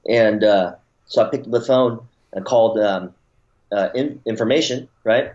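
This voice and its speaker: Guesting on an interview, a martial arts promoter in his 40s, born in Taiwan and raised in the US, rambles through his story with lots of fillers and restarts. His lowish voice is a little mellow at a normal speed, and the sound is dull and lo-fi.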